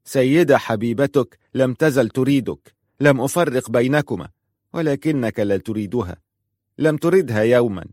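A man's voice: medium pitch, moderate pace, dry recording, studio quality, lightly acted. A man reading a storybook, voicing a defiant young woman who answers firmly and steadily. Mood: firm defiance. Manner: firm and steady.

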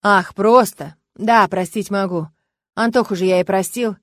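A woman's voice: medium pitch, fairly even intonation, measured pace, no echo, clean studio sound, natural voice. A woman reading as a bitter, brooding man. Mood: agitated. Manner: agitated, loud, sardonic outbursts. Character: gloomy bitter middle-aged man, brooding and volatile. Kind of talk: audiobook reading.

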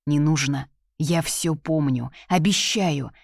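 A woman voicing a courtly man in his forties proposing in an audiobook, slow and measured, low in her register. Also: gravelly, no echo, clean studio sound, full character voice. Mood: tender.

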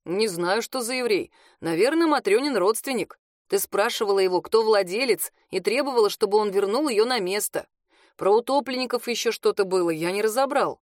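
A woman reading aloud, voicing a calm, matter-of-fact young man who is a policeman. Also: medium pitch, a little fast, no echo, clean studio sound, lightly acted.

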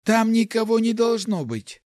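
A man's voice: very high voice, very animated, a little slow, a little mellow, dry recording, clean studio sound, voice pushed up, full character voice. A man voicing a young male mage who sighs and talks wryly. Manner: sighing, wry.

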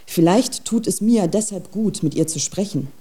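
A woman narrating a radio drama in a calm, measured storytelling manner. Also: mid-range voice.

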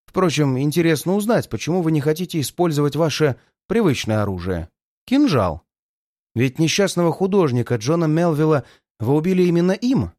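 A man's voice: fairly high pitch, very animated, a little fast, a little mellow, no room sound, studio quality. A man voicing a bold young male detective who mocks his captor with sarcasm. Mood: accusing. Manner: sarcastic, laughing. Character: cocky young male detective, mocking and unafraid.

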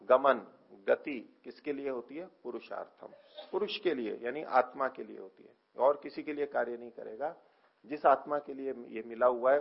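A man teaching a scripture lecture, explaining slowly, asking questions and answering them himself, often trailing off softly at the ends of phrases. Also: mid-range voice, creaky, husky, dull audio. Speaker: teacher of philosophy.

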